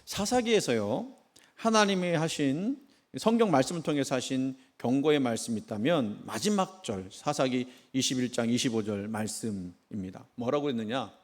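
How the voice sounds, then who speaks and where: Lively-voiced middle-aged pastor telling jokes. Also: male voice, medium pitch, brisk, hardly any pauses. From Chungcheong, Korea. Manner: humorous storytelling, asks the congregation questions. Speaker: senior pastor. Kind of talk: sermon. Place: church sanctuary.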